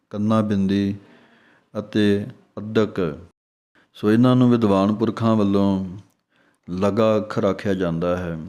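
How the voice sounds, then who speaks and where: Slow, deliberate man teaching pronunciation. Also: on the low side, dark tone. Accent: Punjabi. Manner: slow and deliberate, drawing out example sounds. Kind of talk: slow spoken lesson.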